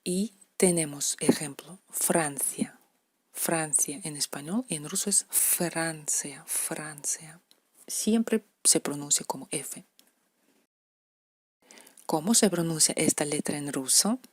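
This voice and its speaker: A woman's voice: sits low, takes it slowly, breathy edge, no room sound. A woman, teaching letter pronunciation to beginners and patiently repeating each example word. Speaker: language teacher.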